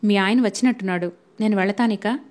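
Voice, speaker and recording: A woman's voice: medium pitch, fast talker, a little mellow, close to an everyday voice. A woman reading a carefree young woman in an audio novel. Her tone is casual and breezy, and she brushes concerns aside.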